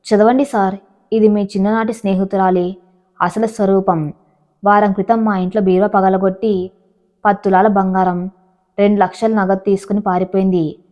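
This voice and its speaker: A woman's voice: mid-range voice, flat delivery, moderate pace, pauses often, dark tone, natural voice. A woman voicing an angry, wronged middle-aged husband who talks sarcastically. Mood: sarcastic. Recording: dull lo-fi audio.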